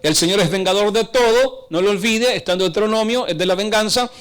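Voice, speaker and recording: A man's voice: high voice, fairly quick, a little hiss or hum. A man preaching a sermon, emphatic and exhorting, often asking the congregation questions.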